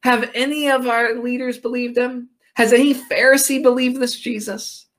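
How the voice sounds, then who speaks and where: A man voicing indignant religious leaders, firing sharp, scolding questions. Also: very high voice, flat delivery, normal speed, pitched above the performer's own voice. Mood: scornful.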